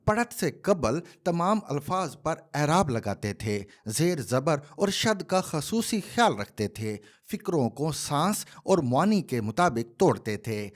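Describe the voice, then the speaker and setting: A man reading a column aloud in measured, expressive scripted narration. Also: fairly high pitch.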